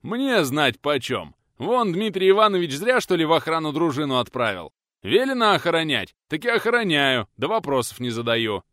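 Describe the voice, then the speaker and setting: A man's voice: medium pitch, very animated, normal speed, a bit bright, dry recording, studio quality, pitched above the performer's own voice. A man doing a blunt red-bearded guard. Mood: insistent.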